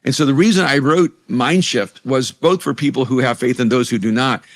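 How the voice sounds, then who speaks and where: This interview guest, a middle-aged Salvadoran pastor and author who speaks Spanish natively, talks a little fast with a medium pitch. His conversational speech is earnest, marked by frequent sentence restarts and repeated words.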